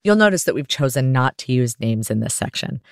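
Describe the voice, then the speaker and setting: A woman's voice: extremely low pitch, sing-song, brisk, creaky, no room sound, studio quality. Woman hosting a narrated podcast. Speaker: podcast host. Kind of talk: scripted narration.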